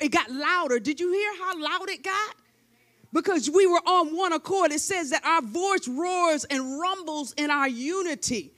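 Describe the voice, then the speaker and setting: High-pitched woman preacher who leads a congregation through chants and demonstrations. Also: fairly bright tone. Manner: demonstrative, uses hands-on examples. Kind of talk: sermon. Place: church with a congregation.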